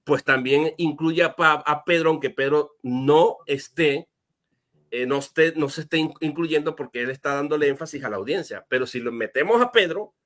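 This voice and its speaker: A pastor explaining a Bible question as an interview guest, earnest and step by step, with frequent fillers and restarts. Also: male voice, on the high side, normal speed, fairly bright tone. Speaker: guest answering viewer questions.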